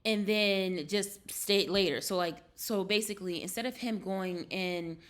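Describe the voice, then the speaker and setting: A woman's voice: mid-range voice, unhurried, a bit bright. A woman vlogger explaining things casually to her viewers, repeating herself for emphasis. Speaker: vlogger, mother.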